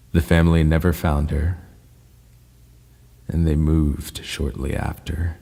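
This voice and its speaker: A man narrating scary first-person stories in a slow, ominous storytelling manner. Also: very deep voice, vocal fry, darkish tone, breathy edge. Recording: long reverb with faint ambient noise.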